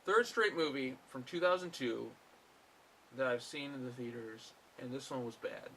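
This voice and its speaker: A man's voice: medium pitch, moderate pace, fairly bright tone, slight background noise. A man giving a casual, rambling film review, full of fillers and blunt swearing. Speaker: movie reviewer.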